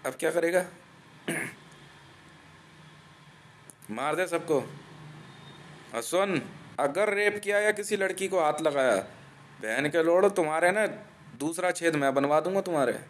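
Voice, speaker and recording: A man's voice: a little high, measured pace, pauses often, slight background noise. A man from India delivering a profane ranting monologue, aggressive and taunting, swearing constantly and laughing between threats.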